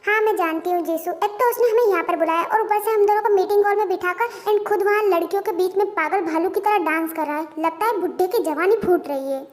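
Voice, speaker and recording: A woman's voice: extremely high pitch, quick pace, few pauses, slight background noise. A woman voicing a blunt, short-tempered young female company owner in an audio story, scolding and ranting. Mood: annoyed. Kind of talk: Hindi fan-dub audio story.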